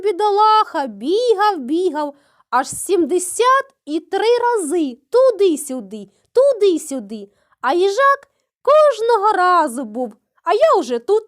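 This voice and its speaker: A kindergarten teacher, a woman, reading a fairy tale expressively to preschool children. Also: extremely high pitch. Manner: expressive, animated storytelling.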